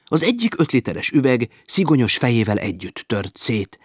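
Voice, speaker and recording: A man reading a humorous adventure novel aloud with lively, varied emphasis. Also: mid-range voice, slightly rough, dry recording, studio quality. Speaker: audiobook narrator.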